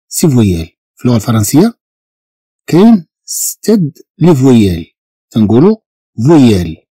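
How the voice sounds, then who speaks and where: A man's voice: medium pitch, mellow, slightly rough, dry recording. A man with a Moroccan Arabic accent teaching a beginner language lesson, patiently repeating each sound and spelling letters out.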